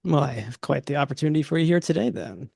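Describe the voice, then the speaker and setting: A man running a tabletop horror game, speaking for a university official in a relaxed, conversational way. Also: a little high, fast talker, creaky, slightly rough, dry recording, studio quality. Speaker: game master. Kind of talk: narrating and voicing characters in a tabletop game.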